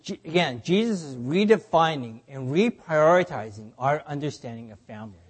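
A man preaching a sermon in short phrases, pausing for an interpreter after each one. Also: on the high side, lively intonation, breathy edge. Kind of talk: sermon delivered through an interpreter.

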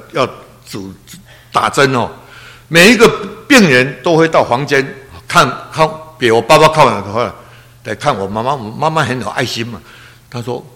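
A man's voice: medium pitch, sharp tone. Old pastor around 80, telling his testimony, earnest, gets emotional. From Taiwan. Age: about 80. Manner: earnest storytelling, emotional swings. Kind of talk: personal testimony.

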